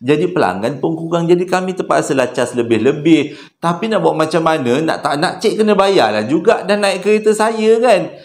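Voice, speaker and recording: A man's voice: on the high side, lively intonation, normal speed, voice pushed up. A man voicing a frightened old male unlicensed taxi driver who cries out prayers in panic. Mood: wheedling. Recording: roomy echo.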